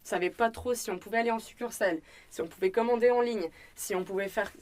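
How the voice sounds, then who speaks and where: Jeune femme, accent français, bavarde, récit décontracté en entrevue. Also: female voice, mid-range voice, fast talker, darkish tone. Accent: French. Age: young adult. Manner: chatty, many fillers, acts out dialogue. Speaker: restaurant owner and student guest. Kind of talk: casual interview storytelling.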